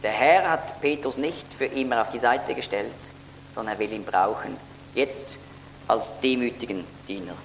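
A man's voice: medium pitch, moderate pace, gravelly, fairly bright tone. A man giving an earnest, explanatory Bible teaching sermon, lifting his voice to stress key words. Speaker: preacher. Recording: echoey hall with faint hum.

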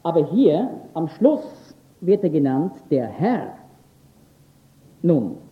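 Bible teacher, male, earnest, emphatic, some filler pauses, thin phone-band sound in a roomy echo. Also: fairly high pitch, big pitch swings. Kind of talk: lecture on scripture. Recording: echoey, phone-like lo-fi recording.

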